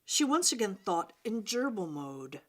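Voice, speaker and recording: With a medium-pitched voice, a woman gives a dramatic, expressive reading of a children's story, using pauses and emphasis to hold young listeners.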